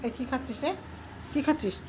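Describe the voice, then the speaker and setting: A woman's voice: sits high, fast talker. A woman talking to her pet in a coaxing, teasing, scolding way. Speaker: pet owner. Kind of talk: casual talk to a pet. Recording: noisy background hiss.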